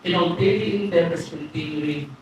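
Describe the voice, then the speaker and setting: A man's voice: on the high side, normal speed, background noise. A man with a Filipino accent, preaching a sermon as pastor, mixing Tagalog and English and telling stories with animation. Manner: switches between Tagalog and English, animated storytelling. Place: church hall. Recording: echoey church hall, far from the mic.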